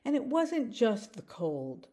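A woman in her sixties talking straight to a phone camera in her living room, giving an animated, reflective personal monologue that swings between upbeat remarks and low, wry asides. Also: slow. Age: 60s. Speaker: vlogger. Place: living room with windows, indoors. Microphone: phone camera held close, looking down at her.

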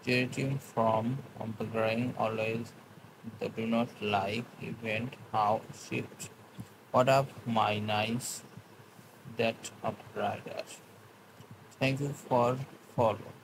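A man speaks slowly and at an ordinary pitch, chatting with viewers on a live stream. His English is halting and broken, full of restarts as he answers comments. Clear background noise fills the room around him. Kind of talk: casual live-stream chat.

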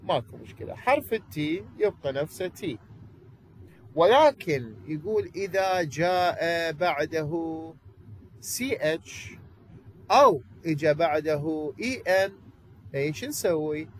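A male English teacher with an Iraqi Arabic accent leads an online class. His voice sits a bit high and moves up and down a lot. He keeps asking a question and answering it himself. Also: lively intonation, unhurried, a little hiss or hum, poor audio.

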